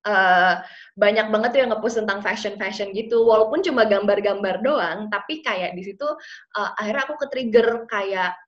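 A woman in her twenties speaks at medium pitch and normal speed, chatting casually and animatedly as an interview guest. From Indonesia and raised partly in London and Ethiopia, she switches fluently between Indonesian and English. She's in a small plain room on a video call, with dull lo-fi sound.

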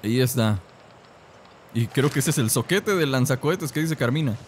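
Mexican male let's-player, lively pitch, tired throat, noisy game audio underneath. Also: moderate pace. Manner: chatty, talks to his companion and the audience, bursts into excited shouts. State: tired throat, lozenge in mouth. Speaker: gameplay commentator. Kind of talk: casual let's-play commentary.

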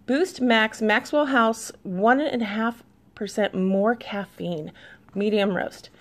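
A woman's voice: a little high, slow. A woman in her thirties, a mom chatting casually to camera about her shopping haul, easygoing and reading labels aloud.

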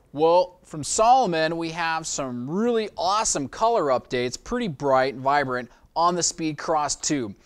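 A man's voice: on the high side, smooth. A man in his thirties hosting a product review vlog, upbeat and salesy, with a few ums, in an indoor studio on a lapel mic. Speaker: shoe store vlog host. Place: indoor studio with shoe shelves.

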